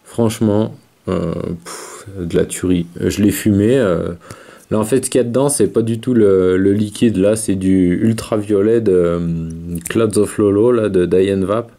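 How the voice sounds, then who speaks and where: Male reviewer, low dark voice, relaxed and halting delivery. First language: French. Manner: hesitant, many fillers, talks while vaping. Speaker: vape video reviewer. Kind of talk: casual chat.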